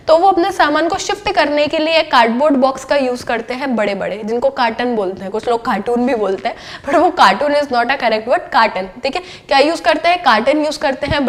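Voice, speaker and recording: High-voiced woman teaching accountancy. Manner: asks questions and answers them herself; mixes English terms into Hindi speech. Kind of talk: classroom lecture.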